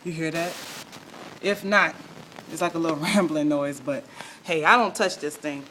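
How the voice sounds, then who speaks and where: A woman walks through her salon building's basement with a handheld camera, talking in a chatty, exasperated way. Her voice sits fairly low. A faint hum of room noise runs under her words. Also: normal speed, bright, forceful tone. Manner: chatty, exasperated, laughs wryly. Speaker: salon owner showing her space. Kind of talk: casual walkthrough vlog.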